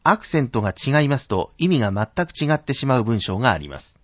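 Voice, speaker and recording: A man teaching announcers in a formal, polite lesson, enunciating example words slowly and carefully. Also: medium pitch, sing-song, fairly bright tone, no room sound. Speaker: announcing instructor. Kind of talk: scripted spoken lesson on pitch accent. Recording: dull, dry narrow-band recording.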